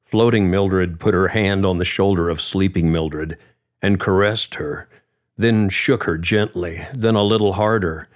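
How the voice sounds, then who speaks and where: A narrator reads a story aloud for an audiobook, calm and measured, with a very deep voice and an unhurried pace. The recording sounds dull and lo-fi.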